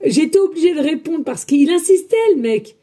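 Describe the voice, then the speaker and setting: A woman medium giving a spiritual guidance reading, talking loudly and emphatically and chatting with her viewers as friends. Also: sits high, moderate pace. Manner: loud, emphatic, energetic talk. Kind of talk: casual spoken guidance to viewers.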